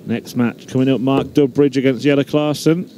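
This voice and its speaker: A man's voice: mid-range voice, fairly even intonation, normal speed, dark tone, a little hiss or hum. A man giving live sports commentary as a darts commentator.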